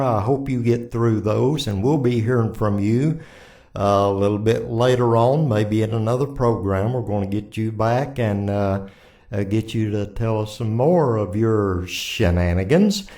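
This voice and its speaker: A man's voice: medium pitch, a little mellow. Folksy man hosting a music show. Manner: folksy, drawn-out repetition. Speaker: radio show host.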